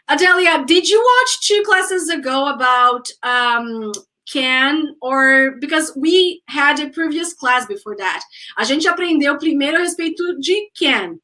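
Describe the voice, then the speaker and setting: Brazilian woman English teacher, high-pitched, bright voice, step-by-step explaining, frequent "okay, guys?". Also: rough recording. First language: Portuguese. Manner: speeds up when explaining in Portuguese. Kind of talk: online English lesson, switching to Portuguese.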